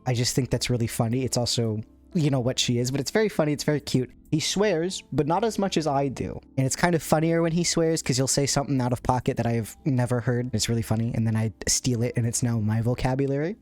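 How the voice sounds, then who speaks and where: A man talks through a video essay in a friendly, easygoing way, full of playful self-aware asides. His voice sits in a mid pitch, and light background music plays softly under him. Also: quick pace. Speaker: content creator. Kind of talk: voice-over video essay about a streamer. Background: faint background music.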